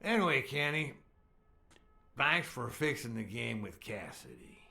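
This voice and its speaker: A rowdy old Texan swaggers through his lines in a gravelly, slow drawl. His voice swings wildly up and down and rings bright and high, full of cussing and hearty laughter. It is a video game character. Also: sing-song, full character voice. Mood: jovial. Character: boisterous older Texan man, crude and jovial.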